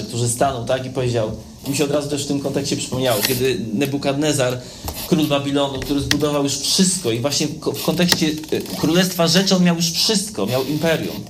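A man preaching a sermon in a conversational way, often checking in with his listeners. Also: medium pitch. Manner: conversational, addresses listeners directly with frequent "tak?". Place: church hall with a live audience. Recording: echoey hall with background noise.

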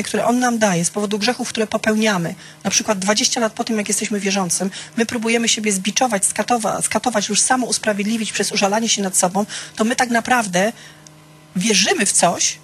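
Her voice mid-range with a breathy edge, a woman leads a small church group in a conversational teaching style. She poses questions, addresses people by name, tells frank stories about herself and regularly checks in with "tak?".

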